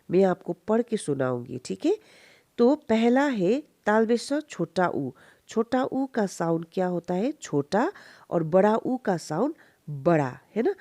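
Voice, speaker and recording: Slow, lively-voiced woman teacher. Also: lowish voice. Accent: Nepali. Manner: slow, syllable-by-syllable pronunciation drills with frequent checking questions. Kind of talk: recorded Hindi class lesson for children.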